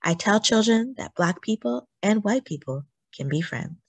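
Reading to children, this woman's slightly rough, medium-pitched voice brings an expressive storytelling style, with deliberate phrasing and stress. No room sound comes through.

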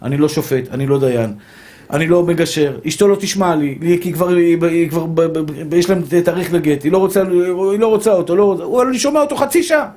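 A rabbi with a notably high voice preaches to a room of listeners. He drives home each point by saying it again and again, and he keeps warmly calling the listeners his dear brothers. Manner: emphatic, repetitive, addresses listeners as dear brothers. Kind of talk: Torah lesson to a live audience.

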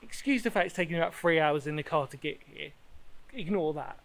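A man in his thirties with a slightly higher voice walks through a sandstone cave and the surrounding woods, filming himself at arm's length. He rambles warmly about the spot, stops mid-thought and corrects himself, and sounds openly delighted to be there. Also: animated, quick pace, gravelly. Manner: rambling, enthusiastic, self-correcting. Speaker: history explorer vlogger. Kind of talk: walking vlog to camera. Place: outdoors in a sandstone cave and woodland. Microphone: handheld camera at arm's length.

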